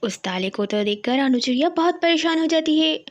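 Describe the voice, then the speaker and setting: Here the same kind of high, swooping female voice carries a scripted cartoon tale for kids, delivered with theatrical storyteller flair. She moves fairly quickly, and the recording sounds lo-fi.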